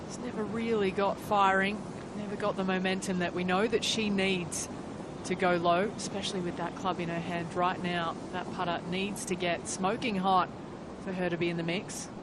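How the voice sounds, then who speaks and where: A woman's voice: lowish voice, steady tone, moderate pace. A woman working as a golf commentator, giving conversational live television commentary on tournament play. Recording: clear outdoor course ambience noise. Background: outdoor ambience.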